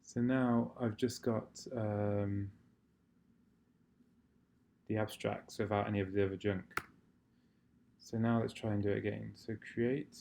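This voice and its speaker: A man improvising a software walkthrough, hesitant and fumbling for words as he thinks aloud, in a gravelly voice. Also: lowish voice, level tone, measured pace, pauses often. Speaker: software tutorial presenter. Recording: faint noise, keyboard typing and clicks. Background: computer keyboard typing and mouse clicks.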